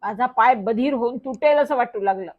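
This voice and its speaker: A woman reads a children's story aloud in a lively first-person telling. Her voice sits slightly high. The recording sounds dull and lo-fi. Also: normal speed.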